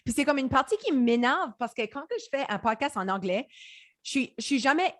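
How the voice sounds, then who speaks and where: A woman in her thirties with an Acadian French accent, a podcast guest chatting quickly and animatedly, slipping English words in. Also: high voice, big pitch swings, fairly bright tone, no room sound, clean studio sound. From Acadia, New Brunswick. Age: 30s. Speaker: podcast guest, business founder. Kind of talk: casual interview chat.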